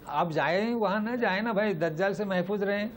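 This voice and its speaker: A man's voice: sits high, a crowd in the background. A male Islamic teacher giving a Quran lesson and answering questions. He talks with emphasis and keeps repeating rhetorical questions to drive his point home.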